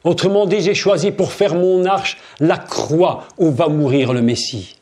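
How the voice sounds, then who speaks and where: A man's voice: fairly high pitch, a little slow, darkish tone. A man preaching a sermon at a seminar, emphatic, repeating key phrases and addressing his listeners directly.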